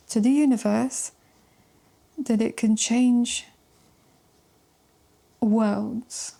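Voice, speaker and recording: A woman gives a relaxed tarot love reading to camera. Her voice sits a little high with a mellow, warm tone. She talks slowly and emphatically, swears casually and now and then drops into a soft whisper. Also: creaky. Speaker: tarot reader.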